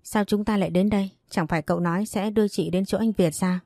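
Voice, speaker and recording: A woman's voice: medium pitch, steady tone, fast talker, warm tone, no echo, clean studio sound, close to an everyday voice. A woman voicing a weary, heartbroken young wife who answers in a tired, subdued way. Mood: anxious.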